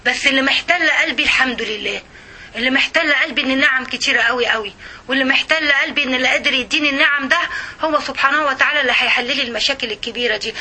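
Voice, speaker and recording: A quick-talking woman with an Egyptian accent delivers a casual religious lesson to women. Her voice sits high and very bright, and she keeps checking in with her listeners as she preaches. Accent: Egyptian Arabic. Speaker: religious teacher.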